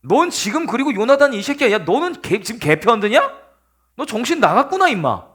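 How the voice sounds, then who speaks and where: A man voicing a furious, jealous old king who yells insults and threats in a sermon retelling. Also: mid-range voice, sing-song, brisk, pitched below the performer's own voice. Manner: yelling, insulting, menacing.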